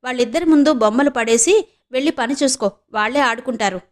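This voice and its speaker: A woman voicing a polite, quick-witted young married woman who likes to tease. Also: on the high side, close to an everyday voice. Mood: teasing. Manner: polite but teasing.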